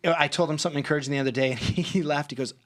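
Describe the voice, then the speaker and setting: A man in his thirties, a pastor and coach, talking with lively emphatic storytelling in a podcast interview. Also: on the high side, rapid-fire. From United States. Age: 30s. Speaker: pastor and mental performance coach.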